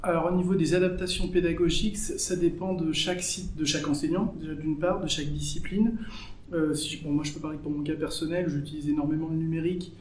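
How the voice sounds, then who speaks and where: A man's voice: a little high, fairly even intonation, quick pace, background noise. A man teaching at a bilingual school, explaining his methods step by step with many fillers in an interview. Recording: echoey room, faint ambience.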